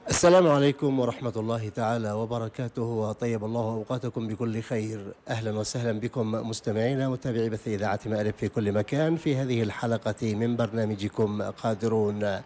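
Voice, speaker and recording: Fast-talking Yemeni radio host, low voice. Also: male voice, fairly even intonation, darkish tone, soft background music. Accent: Yemeni Arabic. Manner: formal welcomes, then patient repeated questions. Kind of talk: radio interview. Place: outdoor market.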